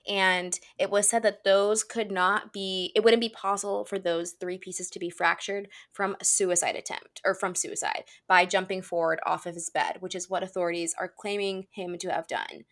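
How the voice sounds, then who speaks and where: A woman's voice: medium pitch, fairly bright tone. A woman in her twenties co-hosting a podcast in casual chat, reading out news with sarcastic asides. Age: 20s. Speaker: podcast co-host.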